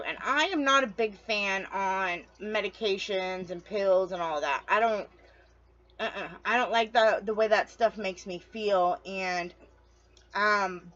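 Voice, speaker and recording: A woman's voice: medium pitch, fairly bright tone, muffled recording. A woman telling her story to camera in a casual vlog, chatty and rambling, losing her train of thought and talking straight to her viewers. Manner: chatty, addresses viewers directly. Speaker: vlogger.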